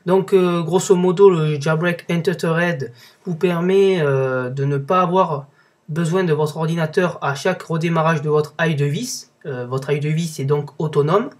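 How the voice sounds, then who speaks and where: Young male tech blogger, casual how-to, slightly high voice, lots of ums and self-corrections. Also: steady tone, normal speed, a little mellow. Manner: chatty, many fillers and self-corrections. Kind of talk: casual screen-recorded tutorial.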